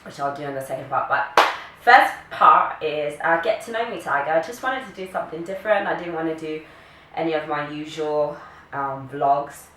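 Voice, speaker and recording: A woman's voice: low-pitched, normal speed, fairly bright tone. A woman, chatting casually and playfully to camera as a vlogger. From Kenya, later the UK. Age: early 30s. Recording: echoey room, distant mic, faint noise.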